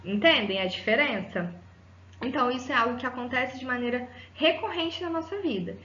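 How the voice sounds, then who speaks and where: A woman's voice: a little high, expressive, fairly quick, bright, forceful tone. A woman gives an explanatory psychology lecture, teaching patiently and ending sentences with rhetorical tags. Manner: didactic, frequent rhetorical tag "né?" and fillers. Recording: roomy, slightly dull audio.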